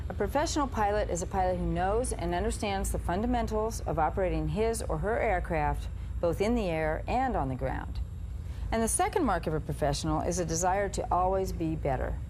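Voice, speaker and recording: A woman's voice: fairly low pitch, noisy background. A woman presenting a scripted safety video as narrator. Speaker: presenter, pilot. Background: music.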